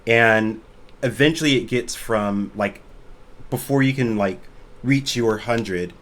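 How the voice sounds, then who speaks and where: A man running an online tabletop game as game master, halting and restarting his sentences and laughing often. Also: medium pitch, fairly bright tone. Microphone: home computer mic on a voice call.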